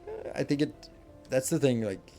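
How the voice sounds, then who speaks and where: Mellow and medium-pitched at a normal speed, a middle-aged Dane with a Danish accent streams a game while chatting loosely with viewers. He pokes fun at himself and rambles, restarting his sentences, with faint music in the background.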